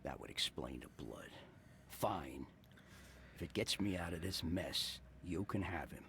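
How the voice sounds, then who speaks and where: An actor playing a gruff, surly, guarded bartender in a video game. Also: male voice, sits low, animated, a little slow, fairly bright tone, slight background noise, full character voice. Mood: grudging, wary. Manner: gruff, grudging. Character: surly, guarded male bartender in a seedy bar. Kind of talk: video game character acting.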